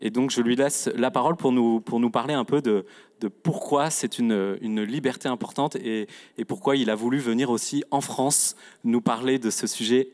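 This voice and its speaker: A man's voice: mid-range voice, normal speed, a little mellow. A man moderating a panel, introducing speakers in a semi-improvised, explanatory way with hesitations.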